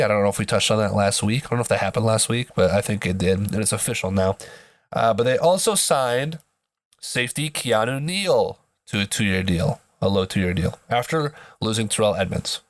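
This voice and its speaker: A man's voice: lowish voice, moderate pace, no echo. Congested, nasal man hosting a sports podcast. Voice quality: congested, nasal as if pinching his nose. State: sick with a blocked nose. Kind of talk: casual sports commentary.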